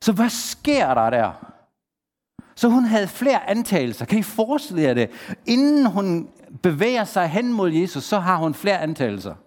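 A man with a fairly high voice preaches a sermon in a lively way, turning to the congregation with questions and acting out the people he quotes. His voice rings with a long reverb from a large hall.

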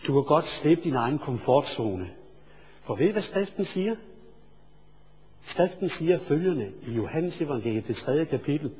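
A male preacher telling a sermon story, swinging from hushed asides to loud, excited storytelling. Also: fairly high pitch, slightly rough. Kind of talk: sermon with anecdote. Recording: reverberant hall, dull lo-fi sound.

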